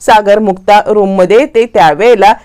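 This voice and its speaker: A woman casually retelling a TV serial episode in a steady, chatty way. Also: mid-range voice, moderate pace. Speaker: storyteller.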